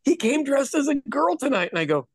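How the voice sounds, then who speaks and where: A middle-aged podcast host spins stories in casual conversation, slipping into the voices of people he quotes and swinging his pitch up and down. He talks fairly quickly with vocal fry, recorded dry and close with no echo.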